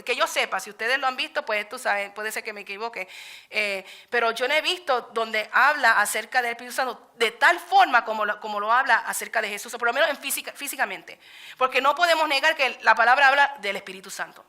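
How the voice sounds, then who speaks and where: A woman's voice: fairly high pitch, pushed and bright. A woman leading a Bible study lesson in a church, talking conversationally and often asking the group if they agree. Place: church meeting room.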